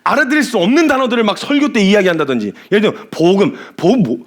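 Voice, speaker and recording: Animated, fast-talking male preacher. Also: high voice. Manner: animated, laughing, acting out quotes. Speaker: missionary preacher. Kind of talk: sermon.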